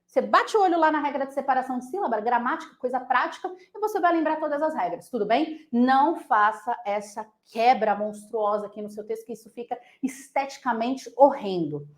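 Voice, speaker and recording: A woman teacher with a Brazilian accent gives a playful, animated essay-writing lesson, full of silly nonsense sounds and voices. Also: on the high side, a little fast, hardly any pauses, roomy sound. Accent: Brazilian Portuguese.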